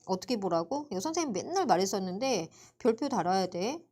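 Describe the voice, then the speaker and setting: A woman teaching a live online literature class, chatty and playful as she teases her students. Her pitch swings up and down in lively jumps. Her casual, quick back-and-forth keeps the class moving. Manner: chatty, teasing, lively, quizzes students by name. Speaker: Korean literature tutor. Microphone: computer mic for a livestream.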